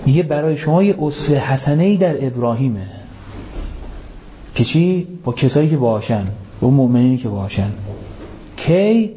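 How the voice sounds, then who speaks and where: A man's voice: medium pitch, animated, warm tone, slight background noise. A man giving a Quran commentary sermon, asking rhetorical questions and reciting Arabic verses, stressing key points with an emphatic rise. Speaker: religious lecturer.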